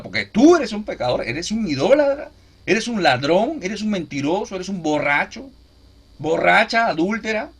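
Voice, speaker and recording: A husky male voice, sitting on the high side, preaches a sermon meant to instruct. His delivery is lively, and he constantly asks the audience "¿no?" or "¿de acuerdo?" to make sure they are following along.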